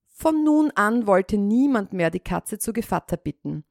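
A woman reading a fairy tale aloud as storyteller, calm and measured. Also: medium pitch, creaky, dry recording, studio quality.

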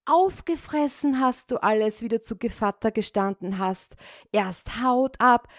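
A woman voicing a good-natured, trusting little female mouse in a storybook reading, earnest and quick to exclaim. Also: mid-range voice, dry recording, clean studio sound, lightly acted. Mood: indignant.

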